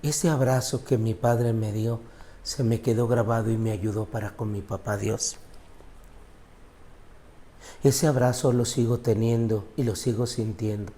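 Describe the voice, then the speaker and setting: Expressive storytelling priest, dark voice. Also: male voice, a little slow. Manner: storytelling, dramatic swings in pitch and loudness. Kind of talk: homily reflection with personal story.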